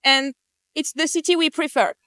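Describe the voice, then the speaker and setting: A woman's voice: high voice, steady tone, moderate pace, pushed and bright, no echo, studio quality. A woman from France, a tourist, speaking hesitantly with many fillers.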